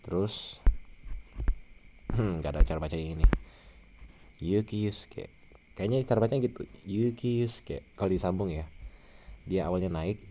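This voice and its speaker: A young man who grew up speaking Indonesian reads a novel aloud in Japanese with an Indonesian accent. He thinks aloud in a halting way, often trailing off and repeating words. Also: low voice, mellow. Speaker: language learner. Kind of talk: reading a novel aloud and musing.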